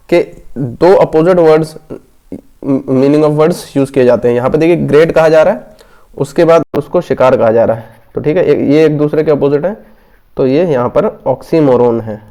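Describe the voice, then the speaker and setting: In a Hindi lesson, this male exam prep teacher goes question by question, reading slowly and explaining every answer. His voice is fairly high and mellow, and he keeps asking "theek hai" to check students are with him.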